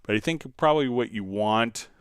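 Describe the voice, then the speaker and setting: A man with a mid-range voice hosts a casual live tutorial on music software, answering viewer questions haltingly as he thinks aloud. There is a little hiss or hum in the audio.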